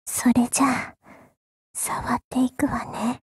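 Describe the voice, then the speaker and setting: A woman streaming an ASMR role-play, talking in a teasing, coquettish way with soft, drawn-out endings. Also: on the high side, level tone, husky, no echo, clean studio sound.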